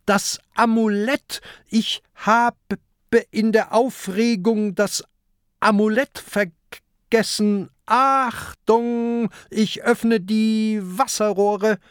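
A reader voicing an excitable young boy who stammers and cries out, in a children's audiobook. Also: extremely slow, smooth, dry recording, studio quality. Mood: urgent. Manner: stammering, shrill. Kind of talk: audiobook narration.

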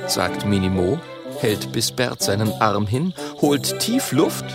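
A man narrating a children's audiobook with lively, expressive storytelling. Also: fairly low pitch, slow pace, music in the background.

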